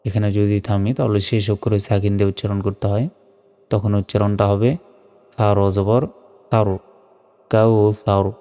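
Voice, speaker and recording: A low-pitched, even-voiced man teaching Quran recitation patiently. His tone is mellow and smooth, and he spells out the letters slowly before reciting them drawn out. The voice carries a long hall reverb, with faint music underneath.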